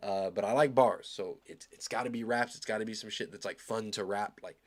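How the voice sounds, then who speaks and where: Speaking a little fast in a lowish voice, this Arizona man hosts a music reaction and gives loose, rambling commentary on a new song. He's enthusiastic and upbeat, leaning heavily on filler words in a casual live reaction.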